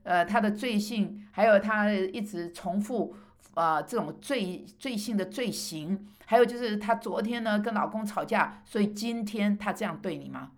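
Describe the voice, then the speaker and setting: A woman's voice: medium pitch, moderate pace. A middle-aged woman preaching a personal sermon, emphatic and rising on rhetorical questions, with hesitant fillers as she tells her story.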